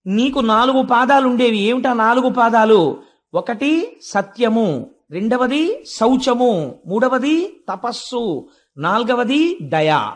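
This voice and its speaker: A man giving a devotional discourse who tells a sacred story, asks his listeners questions and slows down to recite verses. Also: very high-pitched, big pitch swings. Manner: emphatic, asks the audience questions. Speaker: religious discourse speaker.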